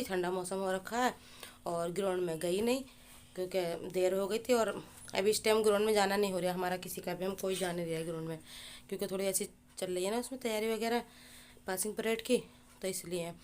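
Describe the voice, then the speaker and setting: A woman vlogger narrating her day in a casual, chatty way, often filling pauses with short hums. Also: medium pitch, fairly even intonation, darkish tone. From India. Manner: chatty, repeats "हैं" and "hmm" as fillers. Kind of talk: casual family vlog narration.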